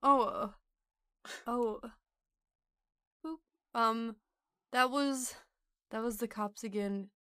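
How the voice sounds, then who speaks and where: A woman's voice: on the high side, slow pace, pauses often, sharp tone, clear, resonant tone, no room sound, clean studio sound. A woman in an improvised comedy murder mystery, playing it melodramatic and fake-tearful. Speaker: improv player. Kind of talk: improvised comedy role-play.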